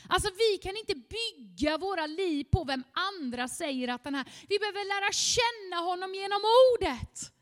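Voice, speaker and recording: A woman preaching a fervent sermon, at times rising almost to shouting. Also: very high voice, lively intonation, few pauses, in a large hall.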